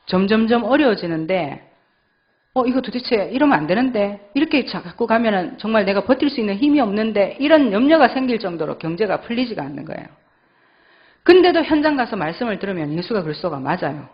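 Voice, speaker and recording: Animated Gyeongsang woman telling her testimony. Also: medium pitch, quick pace. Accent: Gyeongsang Korean. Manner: emotional storytelling, acting out her own past thoughts. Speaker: church elder giving testimony. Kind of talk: personal testimony in church. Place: church sanctuary. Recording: dull lo-fi church recording.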